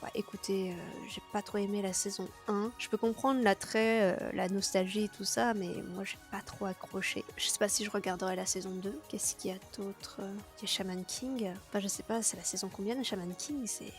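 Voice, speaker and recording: A woman's voice: medium pitch, steady tone, a little fast, hardly any pauses. Young woman, casual host, chatty and informal, mid-range voice, faint music underneath. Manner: chatty, with fillers and asides. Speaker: anime video host. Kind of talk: casual chat reviewing a season's releases.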